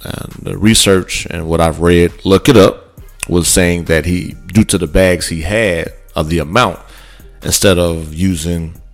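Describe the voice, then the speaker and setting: A man hosting a sports podcast, talking loosely and conversationally with many fillers and restarts. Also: low-pitched. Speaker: podcast host. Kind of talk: casual sports talk.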